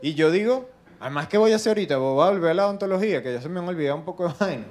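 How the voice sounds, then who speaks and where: A young man with a Venezuelan accent doing a stand-up comedy routine, animated and acting out other people's voices. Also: sits high, rapid-fire, noisy background. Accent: Venezuelan Spanish. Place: live comedy stage with audience.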